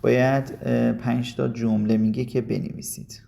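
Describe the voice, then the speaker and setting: A man from Iran, teaching a casual video lesson and coaxing students while slipping in slow English. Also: mid-range voice, flat delivery, gravelly, dark tone.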